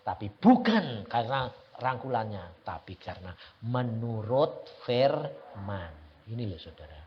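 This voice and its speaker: A man's voice: mid-range voice, measured pace. A middle-aged man, preaching a sermon as an evangelist and telling stories with acted-out dialogue and laughter. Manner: animated storytelling, acting out dialogue, frequent laughter. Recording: dull lo-fi recording.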